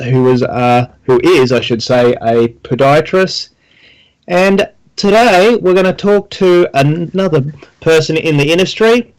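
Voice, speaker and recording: Hosting a podcast interview, an Australian personal trainer in middle age talks earnestly, frequently beginning his sentences over. His voice is fairly high and clean, though the recording itself sounds rough.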